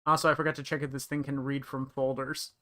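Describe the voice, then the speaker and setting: Bright, clear-voiced male streamer rambling. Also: medium pitch, little pitch movement, quick pace. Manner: rambling, thinking aloud with many fillers. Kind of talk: casual live-stream chatter.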